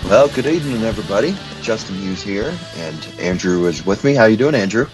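A man co-hosting a casual podcast, sounding nasal from a cold, leading the talk in a relaxed, conversational way. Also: fairly low pitch, brisk, over music. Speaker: podcast co-host. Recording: dull lo-fi audio.

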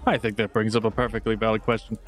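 A man playing his character in a tabletop game, calm and reasoning. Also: on the low side, fast. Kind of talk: in-character tabletop role-play.

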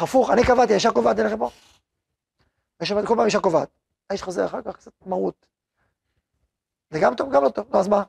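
Gravelly, husky man teaching a lesson. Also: high-pitched, a little mellow. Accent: Israeli. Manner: acts out both sides of dialogues, talks to the room. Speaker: yeshiva rabbi teaching a class. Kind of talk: informal Torah lesson to students.

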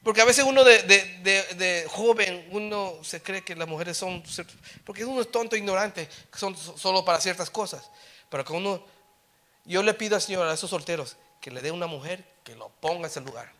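Male preacher, middle-aged; sharp bright tone, sits high; code-switching sermon, playful asides, emphatic build-ups. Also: a little fast. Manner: switches between Spanish and English, joking asides; swells to loud, emphatic exhortation.

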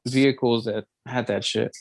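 A man's voice: medium pitch, fairly even intonation, normal speed, dry recording. A man co-hosting a casual podcast chat, reacting, swearing and laughing. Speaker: podcast co-host.

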